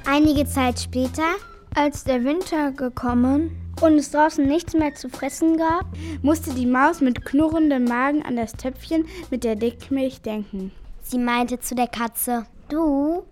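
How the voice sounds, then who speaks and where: A woman narrating a fairy tale in a clear, measured, expressive reading voice. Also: high voice, faint music behind. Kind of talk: storybook narration.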